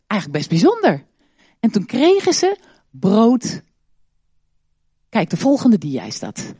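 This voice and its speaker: Een vrouw met een vrij hoge stem die veel op en neer gaat, en die in de kerk de kinderen vragen stelt. Ze praat uitbundig en moedigt aan. De opname is droog, zonder galm. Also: female voice, fairly high pitch, husky, no room sound, studio quality. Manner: asks many questions, animated, exclaims. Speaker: children's talk leader in church service. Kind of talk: interactive children's talk.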